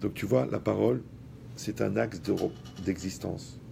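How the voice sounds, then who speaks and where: A man with a low, heavily gravelly voice gives a talk in a relaxed, colloquial way. He speaks straight to his listeners and uses everyday examples. His tone is dark and mellow. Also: normal speed, a little hiss or hum. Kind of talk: lively talk to an audience.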